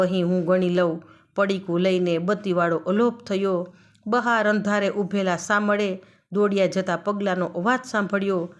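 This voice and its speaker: A woman reading a story aloud in a steady, expressive storytelling narration. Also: mid-range voice.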